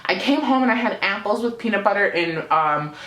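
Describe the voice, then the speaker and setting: A young adult vlogger rambles through a personal storytime in casual slang, giggly and drunk. Her medium-pitched voice is a bit bright, brisk and lively in intonation, and the room sound is roomy and echoey.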